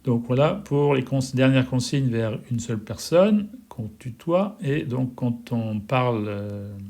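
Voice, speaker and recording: Slow, patient male French teacher. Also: mid-range voice, lively intonation, dark tone. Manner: slow, patient, repeats and spells out words. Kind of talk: slow classroom instruction video.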